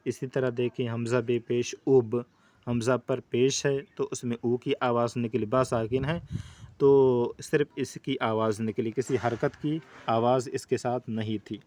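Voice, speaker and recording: A man with an Urdu accent teaching beginners to read the Quran, patiently explaining each step and drilling letter sounds slowly. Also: mid-range voice, steady tone, a little mellow, dry recording. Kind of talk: beginner reading lesson.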